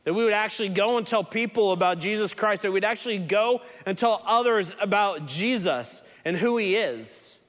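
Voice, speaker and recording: A man's voice: sits high, lively intonation, normal speed, hardly any pauses, a bit bright. A man preaching a sermon in an earnest, conversational storytelling way. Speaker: pastor. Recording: long hall reverb.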